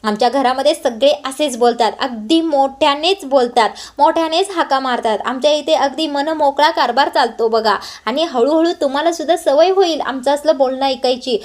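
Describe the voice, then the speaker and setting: High-voiced woman briskly retelling a serial. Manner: quotes every character's dialogue in her own voice; brisk storyteller with frequent "uh" pauses. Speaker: serial recap narrator.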